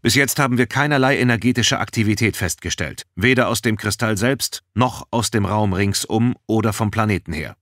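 A man's voice: on the low side, moderate pace, hardly any pauses, fairly bright tone, no echo, studio quality, voice pushed up, close to an everyday voice. A man voicing a slightly irritated first officer reporting in a clipped way.

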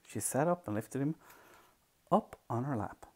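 An Irish man, a librarian, reading a picture book aloud to children. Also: mid-range voice. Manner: slow, warm, animated read-aloud.

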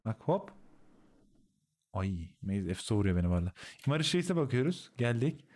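A man's voice: medium pitch, big pitch swings, normal speed, a little mellow. A man streaming and explaining a game replay to his teammates, coaching in a casual, slangy way. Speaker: streamer analyzing a match replay.

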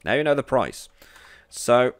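A man's voice: mid-range voice, very animated, measured pace, no echo. A man hosting a gameplay video, chatting playfully and thinking aloud as he plays. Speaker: let's play host.

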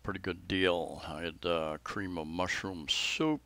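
A man's voice: low-pitched, fairly even intonation, a little slow, bright, forceful tone, dry recording. A man narrating a casual restaurant tour in an easygoing, hesitant way with many fillers, holding the camera. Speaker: vlogger touring a restaurant. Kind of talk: casual vlog narration and chat. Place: restaurant in the Philippines.

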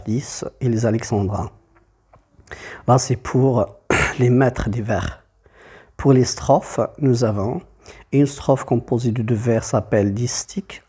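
A man's voice: medium pitch, warm tone, slightly rough. A man teaching a poetry lesson, explaining step by step and repeating key terms.

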